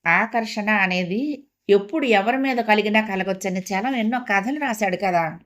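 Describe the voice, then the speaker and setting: A woman voicing an excitable young woman, a younger sister who talks eagerly and fretfully in an audio story. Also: mid-range voice, normal speed, close to an everyday voice.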